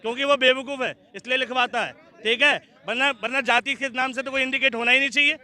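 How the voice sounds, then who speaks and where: A man's voice: extremely high pitch, fairly even intonation, fast talker, sharp tone. A man questioning people in a street debate, who often interrupts to demand attention.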